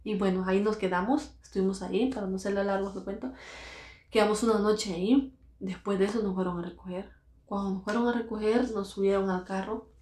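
A woman at a mid pitch tells her personal story earnestly, circling back to repeat key phrases and briefly voicing the people in it. The room around her rings with a noticeable echo. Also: steady tone, brisk, darkish tone. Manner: earnest, repeats phrases, acts out quoted voices. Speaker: vlogger recounting her own experience. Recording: roomy echo.

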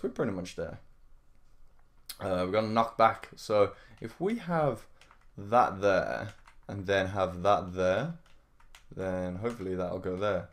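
A man hosting a gaming livestream, giving casual running commentary in an excitable way, often repeating his phrases and exclaiming. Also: on the low side. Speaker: livestream gamer, host. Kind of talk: live gameplay commentary, casual.

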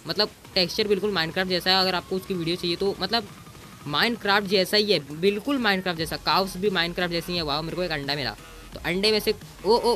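Bossy, bright-voiced man narrating gameplay. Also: high voice. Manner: bossy and teasing, mixes in English exclamations. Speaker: gaming YouTuber. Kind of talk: casual gameplay commentary.

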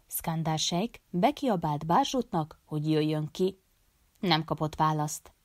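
Woman audiobook narrator, low-pitched, calm measured delivery, dry booth sound. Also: no echo. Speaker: audiobook reader.

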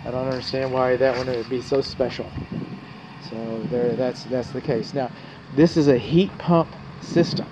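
Filming outdoors beside a house, a male home inspector from North Texas walks through what he sees, talking to the viewer in a folksy, digressive way. His voice is medium-pitched and steady at a normal speed. The handheld camera mic gives muffled outdoor audio with a hum.

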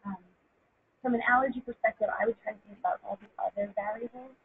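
A woman allergy clinician answering viewer questions on a webcast, speaking into a phone set some distance away. Her audio is glitchy, cutting out and dropping in level, while she explains step by step with frequent pauses on "um". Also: on the high side, steady tone, a little hiss or hum. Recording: tinny phone-like line, dry, breaking up.

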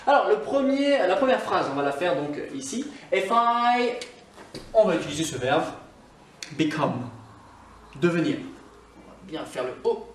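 A man's voice: on the high side, very animated, slight background noise. Scottish man teaching in echoey room. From Scotland. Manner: explanatory, stresses example words slowly. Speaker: online English teacher. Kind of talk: French-language English grammar lesson. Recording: echoey room, somewhat far from mic.

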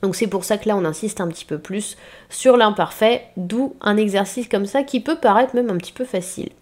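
A woman's voice: mid-range voice, brisk, darkish tone. A woman primary school teacher talking her class through the answers of a remote reading and grammar lesson in a patient, explaining way. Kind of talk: remote lesson correcting homework.

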